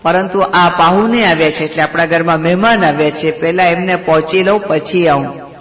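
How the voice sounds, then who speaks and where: Man, devotional story sermon, rhetorical questions, fairly high voice, long hall reverb. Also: a little fast, a bit bright. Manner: retells scripture stories, explains them, asks rhetorical questions.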